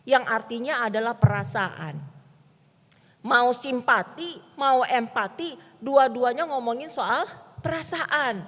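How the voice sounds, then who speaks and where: A woman's voice: sits high, a bit bright, big-room sound. A woman pastor giving a playful, chatty sermon to an elderly congregation and asking them questions. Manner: playful, asks the listeners questions, informal Jakarta slang. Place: church hall.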